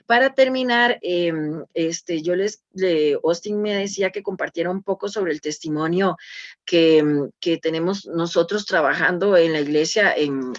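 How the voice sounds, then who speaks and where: A woman's voice: on the low side, muffled recording. A woman with a Costa Rican accent, telling a church conference a testimony in an earnest way, with many fillers and restarts. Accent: Costa Rican Spanish. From Costa Rica. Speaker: church speaker.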